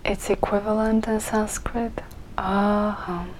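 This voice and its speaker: A woman leading a guided meditation softly and gently, often in a breathy near-whisper. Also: mid-range voice, little pitch movement, slow, slight background noise, rough recording.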